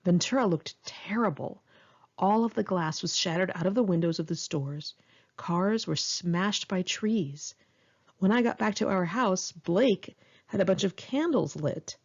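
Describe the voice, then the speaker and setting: An American woman reads her own memoir as a first-person audiobook, her voice lowish and rough-edged. She speaks a little slowly, candid and dramatic, her intonation swinging freely and lively like someone telling friends a tale, though the audio sounds dull.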